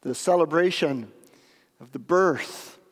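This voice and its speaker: A man delivers a sermon with long reverb around his voice. His pitch sits a little high for a male speaker, and he speaks very slowly and solemnly, leaving deliberate pauses as he prays and reads scripture. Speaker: preacher leading a church service. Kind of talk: sermon with prayer and scripture reading.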